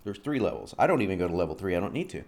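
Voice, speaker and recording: A man's voice: low voice, rapid-fire. A man in his forties vlogging about his fitness program, telling stories and acting out both sides of the conversation. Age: 40s. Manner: animated storyteller, acts out both sides of dialogue. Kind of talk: casual promotional vlog.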